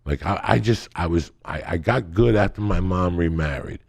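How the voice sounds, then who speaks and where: A man's voice: deep voice, lively intonation, moderate pace, vocal fry, a little mellow, husky. A middle-aged man, telling wild stories in casual, profane podcast chat, often breaking into laughter. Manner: profane, rambling, laughing storyteller.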